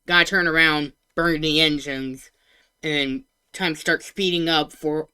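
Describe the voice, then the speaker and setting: Speaking at a measured pace in a low, clear, resonant voice, this female VTuber delivers informal live reaction commentary. She's cute in an anime-streamer way, excitable, swears, and thinks out loud.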